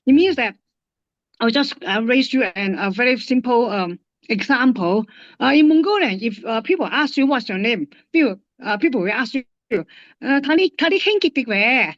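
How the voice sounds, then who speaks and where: A woman from Hong Kong with a Hong Kong English accent, a guest linguist in a casual interview, speaking haltingly with many fillers and restarts. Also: fairly high pitch, lively intonation, dry recording, muffled recording.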